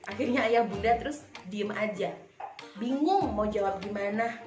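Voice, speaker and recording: Woman teacher, children's lesson, animated and playful, echoey room, faint background music. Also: medium pitch, moderate pace. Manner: lively, acts out examples for children.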